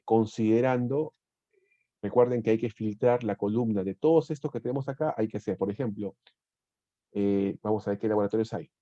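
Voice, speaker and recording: A man walks listeners through a software tutorial, explaining each step and stopping now and then to check they follow. His voice is dark and mellow, recorded dry on a dull, lo-fi mic. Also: mid-range voice, no echo. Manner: explanatory, repeats and restarts words, checks in with "¿sí?". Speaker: instructor.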